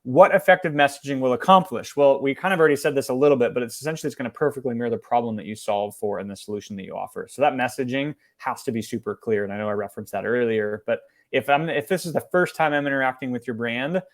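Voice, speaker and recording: Fast-talking man giving a marketing talk. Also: mid-range voice. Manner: fast, energetic, conversational with fillers and restarts. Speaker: marketing presenter. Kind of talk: webinar presentation.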